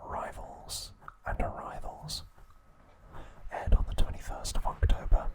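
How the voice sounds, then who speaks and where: In a breathy, unvoiced whisper, a man who hosts an ASMR channel gently walks through a recap. He speaks slowly and with care, a few words at a time.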